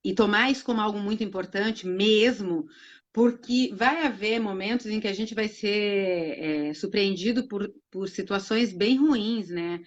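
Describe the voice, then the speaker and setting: On muffled live-stream audio, a woman co-hosts an Islamic live talk, speaking reflectively with many fillers and restarts. Her medium-pitched voice runs a little slow as she retells a hadith with acted quotes.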